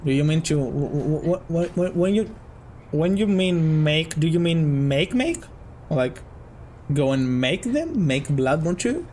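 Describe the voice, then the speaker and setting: His voice fairly high, sing-song, and darkish, a game developer takes his time chatting casually with viewers during gameplay, rambling and often correcting himself. He has a Greek accent with a slight British tinge, and there's a little hiss or hum.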